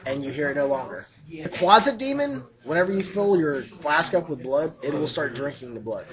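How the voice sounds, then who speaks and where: A man working as game master, improvising narration for a tabletop game in a casual, halting way as he searches for words. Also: fairly high pitch. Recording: dull lo-fi sound, chatter behind.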